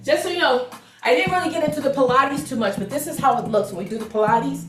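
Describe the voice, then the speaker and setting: A woman's voice: high voice, quick pace. Lady teaching aerobics, chatty and encouraging, counts out moves, echoey room, mic far away w music on. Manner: encouraging, chatty, talks through each move while exercising. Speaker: aerobics instructor. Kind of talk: aerobics class instruction with counting and cues. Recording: roomy, distant mic, music behind.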